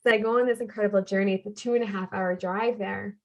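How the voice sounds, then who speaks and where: A Canadian woman appears as a guest on a podcast, sharing her life story in a heartfelt, earnest conversation. She talks fast with a middling pitch and fairly even intonation, often repeating phrases to make her points land. The recording quality is rough.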